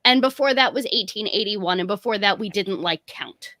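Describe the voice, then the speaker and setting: This podcast co-host, a New York City native who grew up in the Tampa area, talks baseball casually in a sharp-toned mid-range voice at normal speed. The recording is clean studio audio without room sound, and her explanations lean heavily on "you know" and "like."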